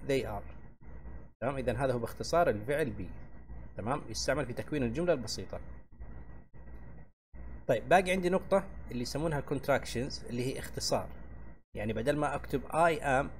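A man's voice: mid-range voice, a little hiss or hum. Man teaching English grammar. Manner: checks in with a frequent "tamam?" and repeats each point slowly; reads English examples slowly, then translates. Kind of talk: grammar lesson explained in Arabic.

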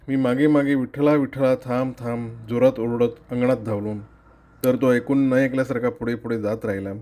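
A middle-aged man from Maharashtra reading a friend's essay aloud at home, earnest and reflective, with measured pacing and occasional slips. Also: medium pitch, darkish tone. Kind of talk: read-aloud narration.

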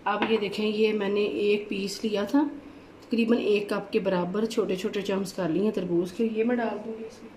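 In her home kitchen, a woman chats through a recipe for her cooking channel step by step, regularly asking viewers to take a look. Her mid-range voice stays level at a moderate pace against a noisy background of clattering dishes and utensils.

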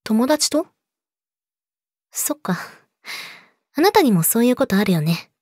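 A young woman playing a possessive yandere girlfriend, sweet but menacing, speaking softly and intimately to her lover in an audio drama. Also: on the high side, big pitch swings, measured pace, dry recording, clean studio sound. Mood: suspicious, subdued. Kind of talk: Japanese situation voice audio drama, addressed to listener.

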